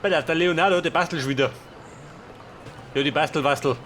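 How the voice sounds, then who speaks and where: Slightly high-voiced man, flippant game commentary. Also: quick pace, a bit bright, a little hiss or hum. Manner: colloquial, flippant joking. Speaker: gaming let's player.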